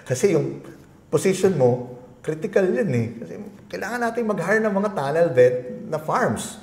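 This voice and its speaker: A man's voice: high voice, big pitch swings, moderate pace, darkish tone, reverberant. A middle-aged man, a guest being interviewed, telling a long personal story in a polite, rambling way with many restarts. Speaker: guest, agribusiness consultant.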